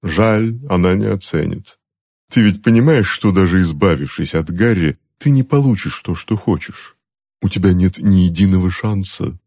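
A man voicing a cold, sardonic aunt who speaks slowly and coolly and mocks her husband. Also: deep voice, lively intonation, mellow, breathy edge, no room sound, studio quality, heavily acted. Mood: scornful. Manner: unhurried, cool, mocking. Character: cold, sardonic witch aunt reading a book. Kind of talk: audiobook character voice.

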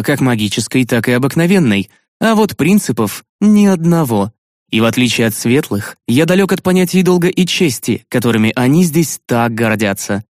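A man's voice: no echo, clean studio sound. Man reading a sardonic first-person audiobook. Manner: sardonic, expressive reading with sudden pitch jumps. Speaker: audiobook narrator.

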